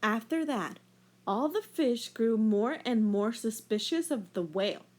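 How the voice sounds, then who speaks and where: A woman teacher reading a children's picture book aloud in an expressive storytelling manner. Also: on the high side, a little slow.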